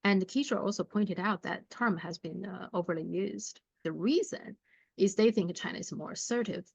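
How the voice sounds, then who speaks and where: A woman hosting her own channel, reading viewer comments aloud and then giving her commentary in a measured way, often pausing on "uh". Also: medium pitch, creaky, slightly rough, no room sound, dull audio. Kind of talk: commentary on current affairs.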